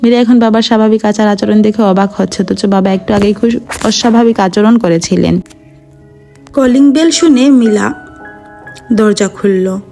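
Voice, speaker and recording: A woman reading a novel aloud as an audiobook, in an even, measured storytelling manner, lightly voicing the dialogue. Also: medium pitch. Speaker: audiobook narrator. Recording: faint background music.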